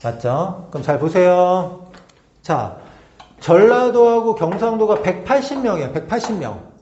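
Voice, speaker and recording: Male math teacher, slightly high voice, patient walkthrough with frequent check-ins; roomy, dull recording. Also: sing-song, darkish tone. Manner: talks through steps slowly, checking in with tag questions. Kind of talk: whiteboard lesson walkthrough.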